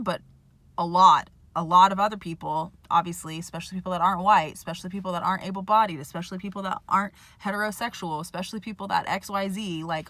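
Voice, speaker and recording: Young woman vlogger, impassioned and chatty, lots of "like"s, bright and dry sound. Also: lowish voice, no echo. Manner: impassioned, heavy use of "like". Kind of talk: casual personal vlog. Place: parking lot.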